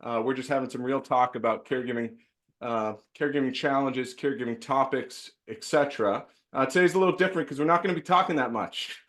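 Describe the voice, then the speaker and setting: A man's voice: medium pitch, quick pace, fairly bright tone. A man hosting a caregiver support webinar over a video call, chatty, with many fillers and restarts. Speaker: host.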